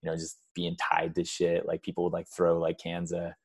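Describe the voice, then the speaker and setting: Laid-back, very deep-voiced man. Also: completely flat delivery, moderate pace, creaky, darkish tone, slightly rough. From California. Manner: laid-back, laughs often, says "like" and "dude" a lot. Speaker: podcast guest. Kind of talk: casual chat.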